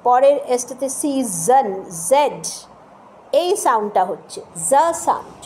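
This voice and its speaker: A woman's voice: high-pitched, animated, slow, a little mellow, a little hiss or hum. A woman teaching English pronunciation, spelling words out letter by letter, repeating sounds patiently and often checking that listeners follow. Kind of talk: spoken lesson with spelled-out words.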